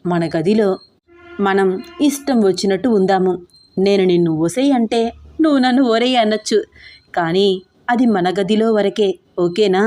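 A woman's voice: medium pitch, moderate pace, pauses often, mellow, natural voice. A woman voicing a playful, teasing young husband in an audio story, with cheeky, bossy banter. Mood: scheming.

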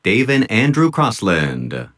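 A man announcing graduates' names at an outdoor commencement ceremony, in a measured, deliberate manner. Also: fairly low pitch, wildly swooping pitch, fairly bright tone. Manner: measured, deliberate name-reading. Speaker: commencement name reader. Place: outdoor tent stage at a graduation.

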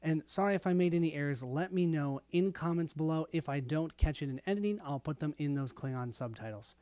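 A man with a hoarse, tired late-night voice hosting a casual walkthrough of a tabletop game. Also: a little high, a little fast, dark tone, no room sound. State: hoarse, lost his voice. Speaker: host of a board game playthrough.

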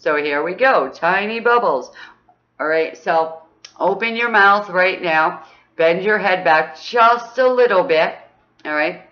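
Upbeat woman, slow unhurried delivery, breaks into whoops, dull lo-fi sound, guided chakra exercise. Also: animated. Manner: upbeat, chatty, ends phrases with "okay?"; bursts into high whoops. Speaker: spiritual teacher.

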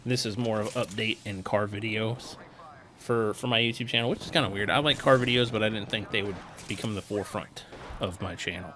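Tired, low-voiced young man rambling casually. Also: steady tone, brisk, pushed and bright, slight background noise. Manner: rambling, easygoing, chuckles often. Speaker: gaming channel host and streamer. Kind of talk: casual voice-over gameplay commentary.

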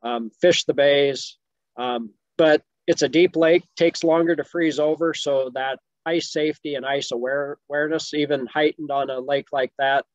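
A Midwestern American man in his fifties, a fisheries expert, fields fishing questions in a webinar Q&A from his home office, easygoing and full of ums. His voice is fairly high and steady at a moderate pace, and the dry recording through a webcam sounds muffled like typical video call audio.

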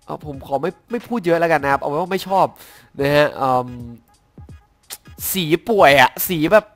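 A young man giving casual commentary on game skins, excitable, swearing now and then, stumbling a little when reading lore. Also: fairly high pitch, fast talker, soft background music. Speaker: gaming YouTuber reviewing skins.

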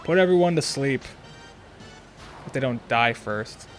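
A man's voice: medium pitch, lively intonation, a little slow, soft background music. A young man hosting a let's play, thinking aloud in casual, chatty commentary.

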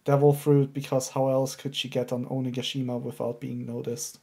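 A man's voice: mid-range voice, little pitch movement, fairly quick, creaky, warm tone, slightly rough. A man in his thirties in a casual co-hosted chat about comics, laid-back and matter-of-fact. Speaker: co-host of a manga reaction show. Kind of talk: casual chat reviewing a manga chapter. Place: room at home, indoors.

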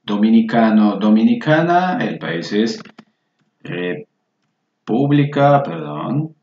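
Slowly and with lively intonation, a man with a fairly low voice guides viewers through a Spanish lesson on screen, patiently spelling each word form aloud. The recording sounds roomy and dull, lo-fi in quality.

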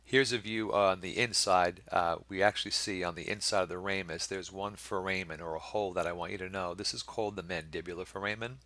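Man, middle-aged, deep low voice, dry recording, patient slide lecture, anatomy instructor. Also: steady tone, brisk, few pauses, pushed and bright, dry recording. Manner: explains patiently, often checking with a questioning "right?".

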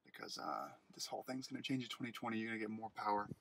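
Rapid-fire and animated, this car vlogger has a fairly low, slightly bright voice with vocal fry. Filming on a handheld phone camera, he tours a dealership lot outdoors and then the inside of a car, thinking aloud with fillers and restarts.

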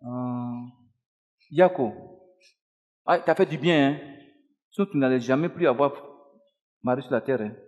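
A man's voice: mid-range voice, unhurried, long pauses, a little mellow, in a large hall, muffled recording. A man leading a deliverance service as pastor, commanding and repeating his words in a chant. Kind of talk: deliverance ministry. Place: church.

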